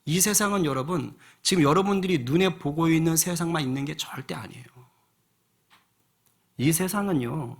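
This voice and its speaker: Husky-voiced pastor preaching with lively fervor. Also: male voice, on the high side, moderate pace. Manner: animated preaching, rhetorical questions to the congregation. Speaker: senior pastor. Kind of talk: sermon. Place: church sanctuary.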